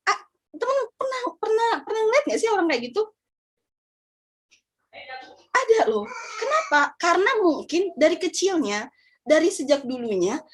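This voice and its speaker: A young woman giving an emotional, conversational religious talk, addressing her listeners directly and at times getting choked up. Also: high-pitched. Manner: emotional, gets choked up and apologizes. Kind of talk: heartfelt casual talk.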